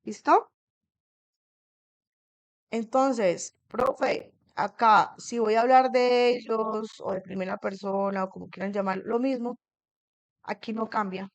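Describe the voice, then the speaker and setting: A woman's voice: fairly high pitch, fairly even intonation, slow pace, pauses often, no echo. A woman teaching an English grammar lesson in a classroom. She keeps checking in with her students and asks them questions.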